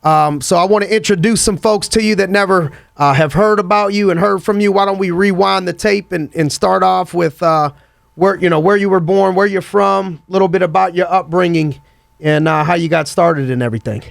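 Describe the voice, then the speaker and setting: A man hosting a casual interview podcast, talking in a slightly high, gravelly voice. He sounds hyped and conversational, prompting his guest with quick follow-up questions. The recording is dry and close. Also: no echo. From United States. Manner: hyped, energetic opener, then conversational. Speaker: podcast host.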